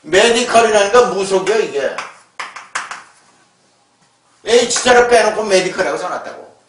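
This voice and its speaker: Far from the mic in an echoey room, with slight background noise, a man lectures on word origins. His high voice is animated but unhurried, and he scolds emphatically, often adding rhetorical questions to his points.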